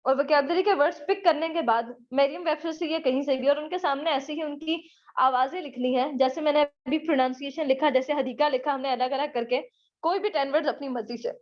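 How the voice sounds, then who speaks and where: A woman teaching a spoken English class online, mixing English into Urdu and drawing out her English sentences slowly. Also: high voice, highs cut off. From Pakistan. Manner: mixes English into Urdu, slow drawn-out English sentences.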